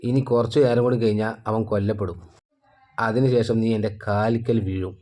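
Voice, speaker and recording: A man voicing a scheming adult male villain from a TV serial, read in a flat storyteller's manner. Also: fairly low pitch, normal speed, natural voice.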